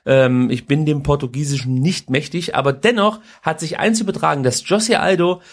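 A man's voice: fairly high pitch, normal speed. A man hosting a podcast, giving casual news commentary in an informal, colloquial way with some crude slang. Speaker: podcast host.

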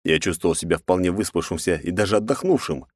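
A man narrating an audiobook in a steady first-person storytelling manner. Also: low voice, quick pace, no echo, clean studio sound.

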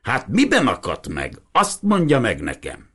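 A man voicing a toothless, secretive old fisherman who croaks and shouts over roaring water. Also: medium pitch, huge pitch swings, voice pushed up, full character voice. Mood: shouting, gruff.

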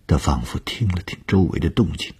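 A man narrating a first-person audiobook story, slow and often breathy, sometimes half-whispered. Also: deep voice, animated, a little mellow.

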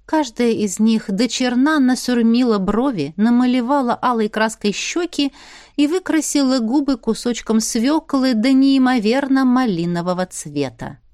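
A woman's voice: a little high, lively intonation, unhurried, a little mellow, dry recording. Female audiobook narrator, light voice, dry booth. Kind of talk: scripted narration.

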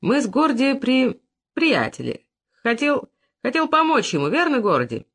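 Man playing a slurring drunk young man, wobbly high pitch, audiobook. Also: wildly swooping pitch, a little slow, fairly bright tone, exaggerated voice. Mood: drunken. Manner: slurred, stumbling over words. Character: drunk buck-toothed young reveller.

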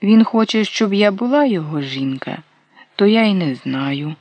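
Tiny reedy dwarf lady voice, narrator doing it, feeble and slow, raised pitch, dry sound. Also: animated, a little mellow, no echo. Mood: plaintive. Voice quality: thin, faint, reedy. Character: feeble thin-voiced dwarf woman, sly.

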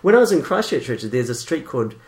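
A man's voice: mid-range voice, very animated, fast, a crowd in the background. A man with a New Zealand accent, co-hosting a podcast, talking in a rambling, self-interrupting way. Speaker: podcast co-host. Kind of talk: casual chat.

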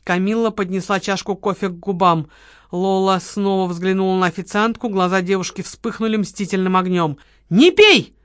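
A narrator reading a detective novel aloud in a steady, measured way. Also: medium pitch, clear, resonant tone, no echo, clean studio sound. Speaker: audiobook narrator.

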